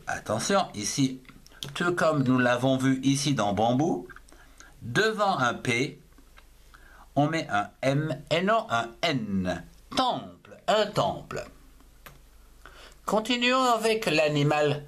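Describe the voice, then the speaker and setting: A handwriting teacher with a medium-pitched, fairly bright voice leads children through a slow lesson in cursive. He patiently spells out each syllable of every word, letter by letter.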